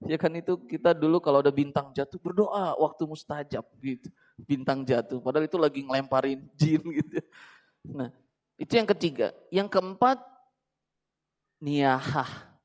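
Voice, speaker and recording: A man's voice: a little high, normal speed, a little mellow, rough recording. A man teaching a religious book study in a casual, chatty way, often asking his listeners questions and correcting himself aloud. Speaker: Islamic teacher.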